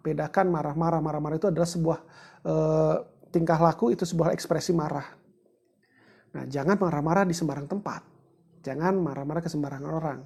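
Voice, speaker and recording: A woman's voice: sits low, vocal fry, darkish tone, slightly rough. A woman giving a chatty, joking livestreamed teaching talk, greeting viewers and walking them through steps. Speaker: book discussion presenter.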